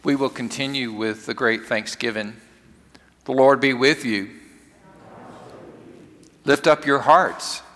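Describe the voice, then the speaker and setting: A man with a bright, ringing voice reads the communion liturgy in a steady cadence. His words trail off into a long cathedral echo that fills the large worship hall. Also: mid-range voice, takes it slowly, pauses often. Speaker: pastor.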